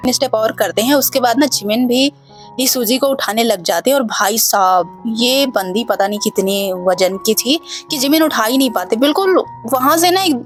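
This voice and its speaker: A woman casually retelling a video clip in a gossipy, exclamatory way. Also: fairly high pitch. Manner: gossipy and exclamatory, often says "yaar" and "seriously". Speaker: video explainer narrating a clip.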